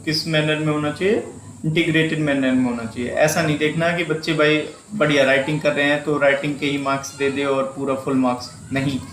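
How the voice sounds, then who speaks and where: A man's voice: fairly high pitch, steady tone, brisk, a bit bright, slight background noise. A male teacher with a Hindi accent giving an exam-prep lecture, repeating key terms and asking and answering his own questions while mixing English words into his talk. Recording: echoey room.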